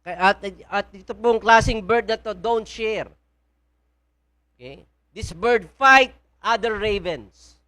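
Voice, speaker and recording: A woman's voice: medium pitch, slow pace, a bit bright. A woman with a Filipino accent preaching a sermon in a church, often asking the congregation questions. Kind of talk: sermon mixing Tagalog and English.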